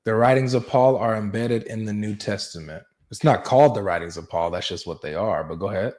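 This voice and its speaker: A man's voice: lowish voice, a little fast, a little mellow. A man hosting a live online debate stream, chatty and teasing, slipping into a hyped announcer voice. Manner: playful, teasing, announcer-like hype. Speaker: livestream debate host. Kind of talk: casual live debate chat.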